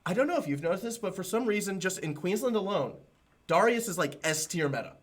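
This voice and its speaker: Fast-talking esports analyst. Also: male voice, sits high, expressive. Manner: analytical, talks fast in long explanations. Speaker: esports caster.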